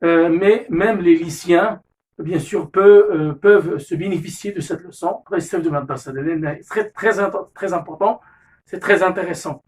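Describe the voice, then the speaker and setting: A man's voice: high voice, slow. Moroccan-accented male teacher explaining grammar step by step, repeats himself and self-corrects, recorded from a little distance. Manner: repeats key terms, corrects himself with "pardon"; mixes French with Moroccan Arabic asides. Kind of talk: classroom lesson explanation. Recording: voice distant from the mic.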